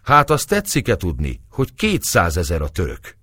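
A man doing a slow-drawling, sullen big-jawed soldier. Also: deep voice, huge pitch swings, pushed and bright, husky, dry recording, heavily acted. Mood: drawling, taunting. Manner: slow rustic drawl, mocking questions.

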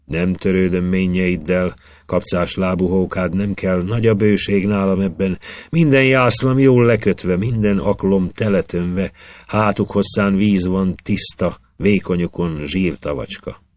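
A man's voice: sits low, fairly even intonation, a little mellow, dry recording, close to an everyday voice. A man voicing a proud old male sage who dismisses offers in rhythmic verse. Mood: scornful.

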